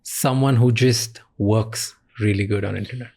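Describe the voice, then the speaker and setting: A man's voice: lowish voice, fairly even intonation, moderate pace, vocal fry, warm tone. Male podcast host who puts short, direct questions to his guest. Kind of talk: podcast interview.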